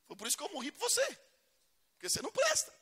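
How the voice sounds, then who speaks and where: A man doing the voice of God, high and blunt. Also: wildly swooping pitch, very fast, gravelly, sharp tone, big-room sound, heavily acted. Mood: exasperated. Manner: blunt, exasperated questioning. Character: God, a weary, knowing male deity.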